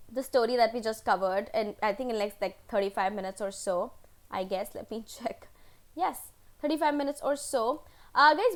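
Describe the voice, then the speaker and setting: A woman teacher from India retelling a story in an online class, chatty and animated with fillers. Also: high voice.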